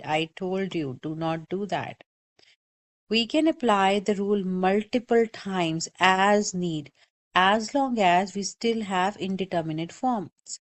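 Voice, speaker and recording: A woman math teacher giving a recorded calculus lecture, explaining step by step and often checking in with "okay?". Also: on the low side. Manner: patient, repeats warnings, checks in with "okay?".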